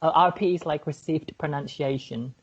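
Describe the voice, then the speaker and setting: A woman's voice: low voice, normal speed, husky. A woman with a contemporary RP-style British accent, co-hosting a casual chat and telling stories in a rambling way, full of "like"s. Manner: rambling, filler-heavy storytelling with many "like"s. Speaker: podcast co-host. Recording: dull lo-fi audio.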